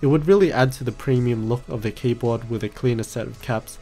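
A man narrates a product review as a voice-over. His pitch sits in the middle of the male range. He explains things in a matter-of-fact way, with music playing behind him. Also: fairly quick, mellow. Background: background music.

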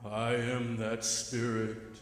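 A man's voice: medium pitch, completely flat delivery, slow, close to an everyday voice. An actor in a live staged radio drama playing a solemn, commanding male spirit with stately, declamatory delivery. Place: on a theatre stage. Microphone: stand microphone with pop filter. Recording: echoey hall with long reverb.

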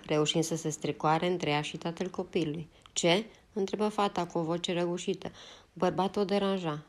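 A woman narrating a novel as an audiobook in a steady, unhurried reading. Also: lowish voice. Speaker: audiobook reader.

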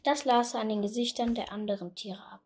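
Storyteller, female, reading a fairy tale; soft, husky tone. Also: a little high, fairly even intonation, fairly quick.

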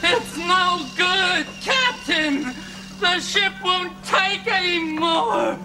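A man's voice: extremely high pitch, drawn-out words, heavily acted. A man playing an overacting starship officer in a sci-fi parody, declaiming like a hammy stage actor. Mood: melodramatic alarm. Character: panicky, overacting male starship crewman and captain. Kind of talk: sci-fi parody sketch acting. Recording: loud music behind, old TV studio.

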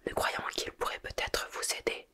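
An earnest schoolboy wizard, whispered by a woman reading a storybook aloud in a whispered role-play. He presses his points bluntly and insistently. His lines come as a light, very bright whisper with no voiced sound. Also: normal speed, close to an everyday voice. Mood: indignant.

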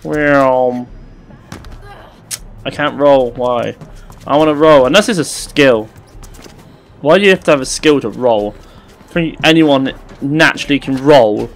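A young man commentating his gameplay, joking and swearing with excited outbursts. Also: mid-range voice, a little slow, long pauses, faint music behind. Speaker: gaming YouTuber. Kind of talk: let's play commentary.

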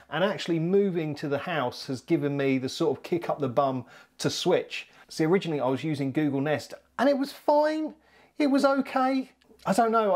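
A man's voice: fairly high pitch, darkish tone. Upbeat chatty British man presenting. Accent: British English. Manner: chatty, self-deprecating, upbeat. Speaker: YouTube home tech vlogger. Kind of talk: casual presenting to camera.

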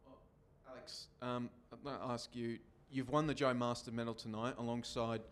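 A man's voice: mid-range voice, flat delivery, moderate pace. Hesitant male reporter, mid voice. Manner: hesitant, filler-laden questions. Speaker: sports journalist. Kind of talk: press conference questions. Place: indoor press room.

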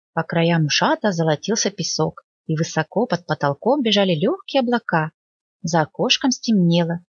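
A woman librarian reading a children's fairy tale aloud in an expressive storytelling manner. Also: husky, dry recording. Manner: expressive storytelling, lively pitch. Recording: dull lo-fi dry recording.

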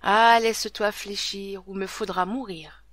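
A woman voicing a young, blond, lovelorn male minstrel, reciting his verses slowly in a soft, half-whispered singsong in a storybook reading. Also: mid-range voice, steady tone, dry recording, close to an everyday voice. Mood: pleading.

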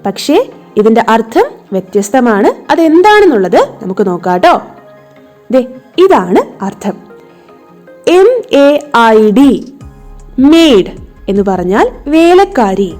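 A patient woman tutor with a Malayali accent coaxes children through words one letter at a time. Her voice sits a little high yet sounds mellow and warm. Soft music plays faintly behind her. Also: sing-song, slow, pauses often. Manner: patient, coaxing, spells words out letter by letter and checks understanding. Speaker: English tutor. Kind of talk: online lesson for children. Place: home tuition setting.

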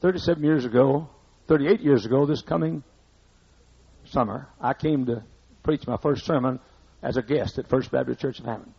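This older pastor's voice sits in the mid range, slightly rough with vocal fry, moving at a moderate pace and pausing often. Preaching in a church sanctuary, he scolds his congregation in blunt, conversational asides, captured on a muffled old recording.

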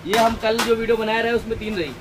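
Inside his crowded housewares shop, a thirtysomething owner talks through his products casually and keeps sliding into preachiness. He's a fast talker with a very high, fairly monotone voice, heard over shop noise and outside traffic.

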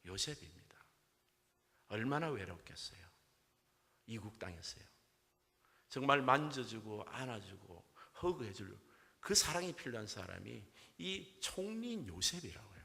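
A man with a Gyeongsang accent preaches from the pulpit, his low, gravelly voice cutting through bright and forceful. He tells stories in an animated, folksy way. A long reverb trails each phrase through the church hall. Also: measured pace. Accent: Gyeongsang Korean. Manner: animated storytelling with folksy jokes. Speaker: pastor. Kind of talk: Sunday sermon. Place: church sanctuary.

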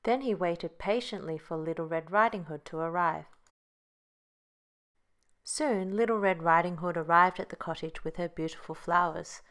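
Bright, crisp woman reading a bedtime story. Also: fairly low pitch, moderate pace. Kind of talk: children's bedtime story narration.

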